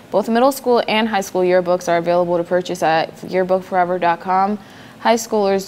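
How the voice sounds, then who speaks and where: A woman's voice: mid-range voice, darkish tone, a little hiss or hum. A teenage young woman with an American accent reading scripted announcements as a student news anchor. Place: indoor school studio before a curtain.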